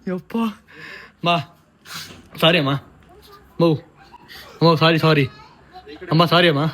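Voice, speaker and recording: A young man running a casual prank vlog at home, excitable and talking straight to his viewers. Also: fairly high pitch, slow. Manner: excitable, talks to viewers directly. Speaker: prank vlogger.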